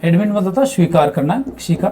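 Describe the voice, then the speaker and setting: A man's voice: sits high, lively intonation, quick pace, warm tone, slight background noise. A man teaching English grammar in a video lesson, repeating words and asking himself questions as he explains. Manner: mixes English terms into his explanations.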